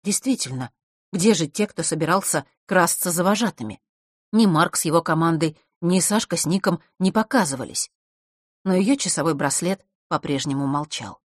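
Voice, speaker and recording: A woman narrating an audiobook chapter in a calm, measured reading on a close mic. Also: on the low side, no room sound.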